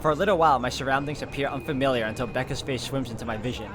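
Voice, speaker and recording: Game music plays as a man works through a visual novel, voicing its narration and adding asides. His pace is racing, his pitch mid-range, and the background is noisy.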